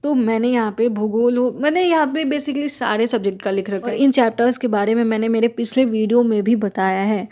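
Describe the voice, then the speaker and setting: A young woman talks viewers through exam preparation in a casual, direct teaching style, giving plain advice. Her voice sits a little high, with a warm, mellow tone. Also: fairly quick, few pauses. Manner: direct, advising, addresses viewers as friends. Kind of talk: casual explanatory lesson.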